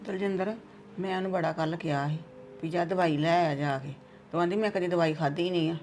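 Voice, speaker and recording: Woman acting fast-talking, exasperated Punjabi mother. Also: on the low side, steady tone, darkish tone, slight background noise, natural voice. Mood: explaining. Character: exasperated village mother of the household. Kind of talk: amateur Punjabi family web drama.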